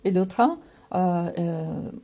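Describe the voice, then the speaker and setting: A middle-aged woman from Ukraine with a Ukrainian accent, giving an earnest personal religious testimony in a halting way, full of fillers and restarts. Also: fairly low pitch, mellow, husky.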